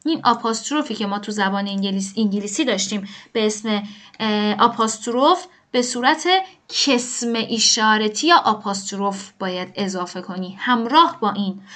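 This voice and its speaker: A woman's voice: mid-range voice, fairly bright tone. A woman teaching grammar step by step, patiently asking questions and answering them herself. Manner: patient, explains rules aloud, poses and answers her own questions. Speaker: language teacher.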